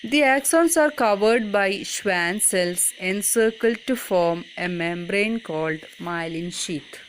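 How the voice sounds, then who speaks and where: A woman's voice: medium pitch, slow pace, slight background noise, rough recording. A woman reading a scripted educational narration for a school lesson. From Kerala, India.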